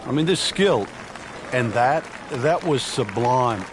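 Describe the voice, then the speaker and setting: A man playing a measured, knowledgeable golf analyst giving analytical co-commentary on a sports broadcast. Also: mid-range voice, lively intonation. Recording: loud crowd and outdoor ambience noise. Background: loud crowd, outdoor ambience.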